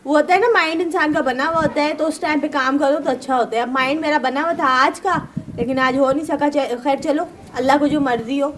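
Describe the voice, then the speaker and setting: A high-voiced woman vlogs casually from a village courtyard, talking straight to her viewers. She is chatty and animated, acting out arguments and keeps asking "right?". Faint outdoor ambience sits behind her voice. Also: fairly quick, a little hiss or hum. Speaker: village vlogger. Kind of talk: casual vlog chat to viewers.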